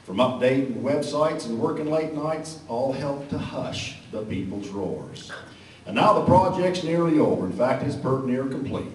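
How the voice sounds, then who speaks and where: A man recites cowboy poetry in a very reverberant room, picked up from a distance with faint noise behind him. He has a Western American cowboy twang and an average-pitched voice. His delivery is folksy and drawling, with dry humor aimed at a live audience. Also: expressive, unhurried. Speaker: cowboy poet. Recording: echoey hall from far off, faint noise.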